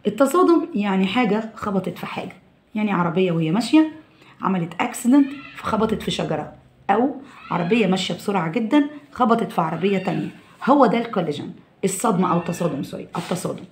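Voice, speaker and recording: A woman with an Egyptian Arabic accent, teaching a children's science lesson at a quick clip. She slips English terms into her explanations and stops again and again to check that her pupils follow. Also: mid-range voice, animated, darkish tone, a little hiss or hum.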